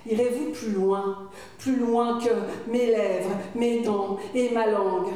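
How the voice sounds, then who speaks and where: A woman recites poetry in a slow, measured, incantatory way, posing question after question. Her voice is mellow and somewhat high. She sounds set back from the mic in a very reverberant room. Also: steady tone. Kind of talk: spoken-word poetry recitation. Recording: very echoey room, voice from far off.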